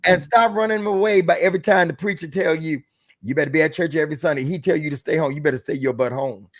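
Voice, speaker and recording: High-voiced preaching man, animated. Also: quick pace. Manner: animated, preachy, breaks into shouts. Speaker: bishop. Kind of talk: preaching relationship talk.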